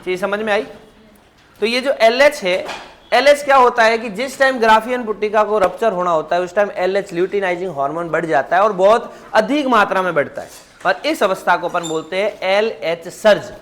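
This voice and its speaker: A man's voice: sits high, a little fast, a bit bright. A man giving a biology class lecture, quizzing his students with constant questions and calling them "child". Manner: calls students "child" affectionately. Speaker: biology teacher.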